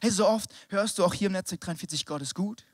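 High-voiced young preacher, whispers to shouts. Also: male voice, fast, no echo, clean studio sound. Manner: swings from hushed whispers to shouted exhortation; casual slangy German with English words mixed in. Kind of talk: lively youth sermon.

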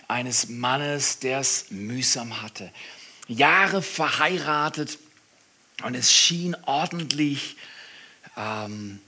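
Dramatic preacher, bright husky voice. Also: male voice, mid-range voice. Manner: dramatic, swings between loud emphatic bursts and hushed whispers. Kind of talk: sermon.

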